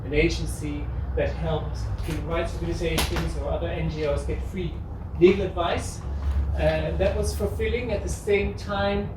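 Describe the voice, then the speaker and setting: A woman's voice: lowish voice, steady tone, moderate pace, hardly any pauses. A woman from Switzerland giving a live presentation, earnest and personal, with a few restarts. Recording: echoey room, distant mic, noise.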